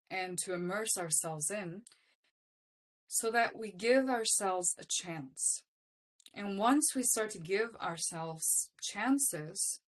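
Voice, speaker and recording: Earnest low-voiced woman yoga teacher. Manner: earnest, heartfelt, builds through repeated short phrases. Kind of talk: personal teaching talk to a class.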